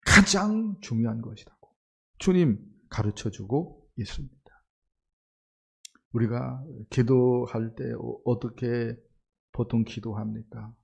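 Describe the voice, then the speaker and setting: A man preaching a sermon as pastor, asking his congregation rhetorical questions and building to forceful emphasis. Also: medium pitch, slow, gravelly, long pauses, slightly rough. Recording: dull lo-fi church stream.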